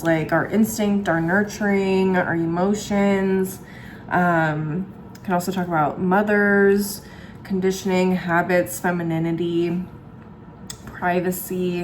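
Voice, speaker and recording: A woman's voice: on the low side, a little hiss or hum. A woman giving a casual, chatty tarot reading to viewers, with a dry throat from a cold and frequent swallowing. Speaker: tarot reader and astrologer host.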